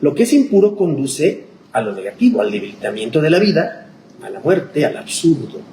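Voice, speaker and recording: A man's voice: a little high, big pitch swings, moderate pace, warm tone. A man, a pastor teaching a Bible class in a conversational lecture style, thinking aloud and checking in with his listeners. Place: church classroom. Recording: echoey room with clear background noise.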